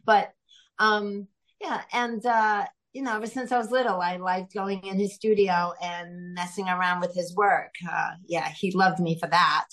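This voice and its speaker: A woman's voice: medium pitch, level tone, a little slow, fairly bright tone. A middle-aged woman from Greece, a podcast guest talking casually and chattily, with frequent fillers and laughs. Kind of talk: casual interview chat.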